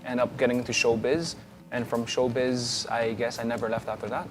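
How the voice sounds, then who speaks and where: A man's voice: medium pitch, a little fast, over music. A young man from Hong Kong chatting as a guest on a morning show, telling stories with lots of laughter. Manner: laughing, animated storytelling. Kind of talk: casual chat.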